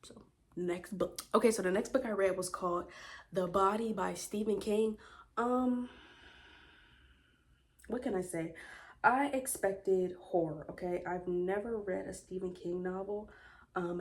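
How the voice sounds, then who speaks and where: A woman of twenty chatting to viewers about the books she read while doing her makeup, retelling plots with lively asides and rhetorical questions. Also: mid-range voice. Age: 20s. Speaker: book vlogger.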